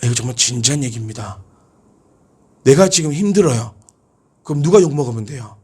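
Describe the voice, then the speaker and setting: A male pastor preaching a sermon, animated and asking his congregation questions. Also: medium pitch, a little fast, slightly rough.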